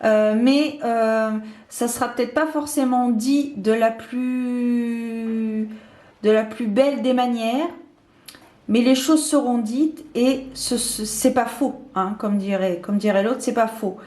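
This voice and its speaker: A woman's voice: on the high side, fairly even intonation, takes it slowly, dark tone. Hesitant woman reading tarot, echoey room. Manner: hesitant, many fillers and restarts. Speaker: tarot card reader. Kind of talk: casual tarot reading to camera.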